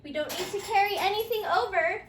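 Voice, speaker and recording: Speaking a little fast in a very high voice, a woman teaches a fairytale math lesson one step after another. Her sing-song questions and repeated answers encourage the pupil. The audio carries a roomy echo and slight background noise.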